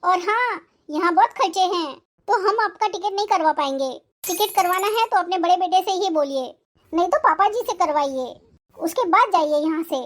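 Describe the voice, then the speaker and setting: A voice actor playing a resentful younger daughter-in-law who complains angrily and sarcastically in an animated moral story. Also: very high voice. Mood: dismissive. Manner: angry, sarcastic, rapid complaining.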